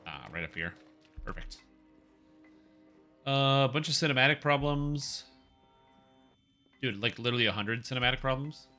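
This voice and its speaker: A man's voice: mid-range voice, animated, normal speed, long pauses, pushed and bright, soft background music. A man streaming a game over a headset mic, chatting casually with viewers and reading patch notes aloud. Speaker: livestreamer. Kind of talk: casual gameplay commentary.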